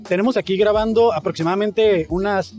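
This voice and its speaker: A man's voice: high-pitched, a little fast, a little mellow, faint music behind. A man hosting a casual street podcast in slangy talk. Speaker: podcast host. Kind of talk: casual street interview and banter. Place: outdoors on a street, seated at a podcast setup. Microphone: podcast microphone with headphones.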